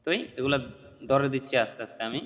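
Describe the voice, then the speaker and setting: Male recitation teacher, slow melodic chanting then brisk correction, long echo. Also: mid-range voice, flat delivery, fairly bright tone. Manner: chants Arabic prayer slowly, then corrects pronunciation in rapid speech. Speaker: religious teacher. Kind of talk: recitation lesson.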